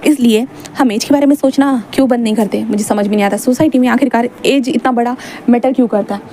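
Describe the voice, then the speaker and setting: A woman's voice: on the high side, fairly even intonation, quick pace, warm tone, slight background noise, close to an everyday voice. A woman doing a chatty, joking middle-aged dad. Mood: wry.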